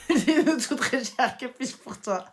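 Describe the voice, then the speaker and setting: A woman hosting a casual live chat, playful and teasing, swinging between loud outbursts and hushed whispers. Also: a little high, expressive, slow pace, crowd noise. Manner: playful, teasing, mixes French with Arabic. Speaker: live stream host.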